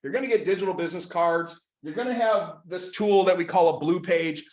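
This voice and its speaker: A man's voice: high voice, a little fast. A man talking earnestly as a podcast guest, telling personal stories in a casual conversation. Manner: earnest, animated storytelling. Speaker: podcast guest, business founder. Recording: echoey room.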